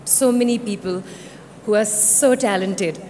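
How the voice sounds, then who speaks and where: A woman giving a halting award acceptance speech on a big stage, her voice quivering. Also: medium pitch, mellow. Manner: halting, with pauses and fillers. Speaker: award winner. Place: large awards hall stage. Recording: long hall reverb, faint noise.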